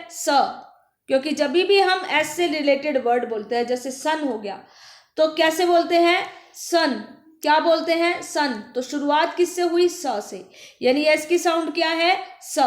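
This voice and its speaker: A woman teacher giving a primary school phonics lesson, asking questions and answering them herself, repeating words slowly. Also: sits high. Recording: echoey room.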